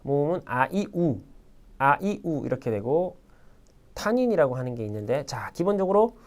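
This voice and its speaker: Lively man teaching a language lesson. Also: mid-range voice. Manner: lively explanatory teaching, frequent "자" prompts; writes with a pen while explaining. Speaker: Arabic language instructor. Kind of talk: recorded video lecture.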